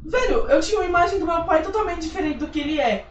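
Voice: extremely high pitch, lively intonation, fast, slight background noise. Hesitant young speaker, casual chat. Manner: rambling, hesitant, with lots of fillers. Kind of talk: casual chat among friends. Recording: roomy room, distant mic.

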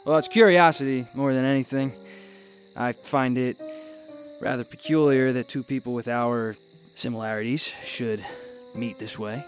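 A man playing a mysterious, cultured scientist in a radio drama, speaking in a measured, formal way. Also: medium pitch, steady tone, faint music behind, close to an everyday voice. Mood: curious. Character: mysterious, cultured male scientist who is invisible.

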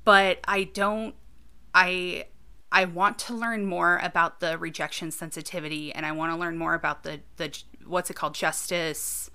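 Woman in her thirties, podcast co-host, casual and reflective, low-ish and crisp. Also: steady tone, moderate pace, bright, forceful tone. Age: 30s. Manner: reflective, talks things through with many "you know"s. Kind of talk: casual conversational chat.

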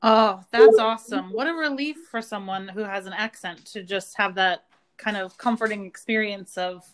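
A woman's voice: medium pitch, normal speed. Supportive woman podcast co-host. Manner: supportive, affirming interjections. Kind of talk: casual chat.

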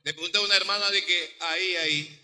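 A man pastor preaching a sermon with animated delivery, acting out dialogue. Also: sits high, quick pace, in a large hall.

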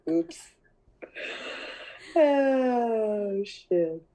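A woman in her thirties telling a story in casual podcast chat, animated, acting out dialogue and laughing often. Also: on the high side, very slow, rough recording. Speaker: podcast co-host.

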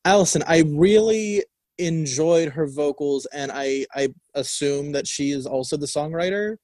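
A young co-host on a college radio show discusses a record in relaxed chat, stumbling through fillers and restarts. His voice sits a little high with a darkish tone and an unhurried pace, picked up on a studio mic in a radio studio with no echo.

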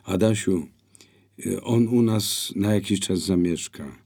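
A man reading an audiobook, voicing a bold young woman who speaks lively and persuasively. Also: deep voice, slow pace, gravelly, slightly rough, pitched above the performer's own voice, heavily acted. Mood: eager.

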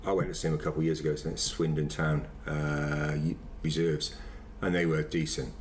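Deep-voiced middle-aged man reminiscing. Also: flat delivery, a little hiss or hum. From Wiltshire, England. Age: 50s. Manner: rambling, halting, repeats phrases. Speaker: former semi-professional footballer being interviewed. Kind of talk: casual reminiscing chat.

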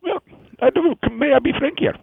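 A man calls into a comedy phone-in as a character: an Indian woman amputee with transplanted hands, voiced high and rasping. His heavily acted performance rambles in halting, broken English full of fillers. The phone line sounds tinny, with no room sound.

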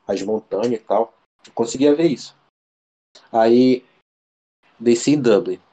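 Mellow-voiced man telling a rambling story. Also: mid-range voice, a little slow, highs cut off. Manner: slangy, rambling, full of fillers and restarts. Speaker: interview guest. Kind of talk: casual storytelling chat. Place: living abroad in Ireland.

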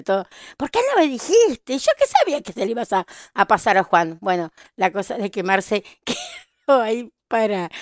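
A woman's voice: lowish voice, smooth, dry recording, studio quality. A woman in her fifties with an Argentine accent, chatting casually and telling nostalgic stories as a podcast host. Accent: Argentine (Rioplatense). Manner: chatty, nostalgic storytelling with laughs. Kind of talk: casual chat.

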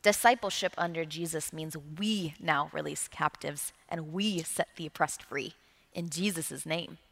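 A woman's voice: deep voice, measured pace, gravelly, fairly bright tone. A woman preaching a sermon, earnest, repeating key phrases for emphasis. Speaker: pastor. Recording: long reverb of a large hall.

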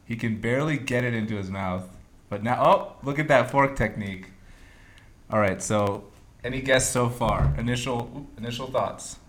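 Guy hosting a podcast like a game show, jokey patter, mid pitch, roomy echo. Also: moderate pace. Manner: jokey, announcer-style patter with chuckles. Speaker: podcast host running a blind taste test.

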